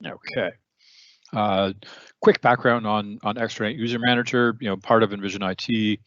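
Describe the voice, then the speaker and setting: A man hosts a technical webinar conversationally, with many fillers and repeated words, and he's losing his voice, clearing his throat as it wears a bit. His voice is on the low side, steady and a bit bright, at a moderate pace. The recording is dry, with the highs cut off.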